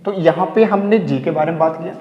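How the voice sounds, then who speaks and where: A man's voice: fairly high pitch, a little fast, muffled recording. A male teacher giving a pronunciation lesson to pupils, repeating each point and asking rhetorical questions before answering them. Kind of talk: classroom lesson. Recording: echoey hall.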